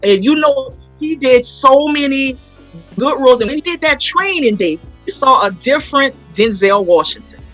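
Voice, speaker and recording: Soft music plays behind a woman whose high, expressive, fairly bright voice moves at a moderate pace. She is a New Orleans playwright and stage actor in her 40s, guesting on a casual promotional interview and telling stories with emphatic repetition.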